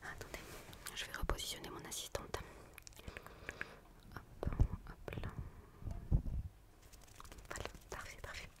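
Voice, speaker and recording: A woman's voice: slow pace, pauses often. Whispering woman in a soothing role-play. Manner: hushed library-like whisper, repeating phrases soothingly. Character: quirky, gentle female book physiotherapist attending a patient. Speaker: ASMR performer playing a book therapist.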